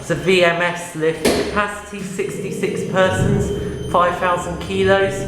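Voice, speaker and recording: A person with a medium-pitched, steady voice speaks at a measured pace, making casual, short, factual comments about equipment. They're a lift enthusiast filming tours inside lifts in a store, and the recording carries the echo and noise of the lift interior.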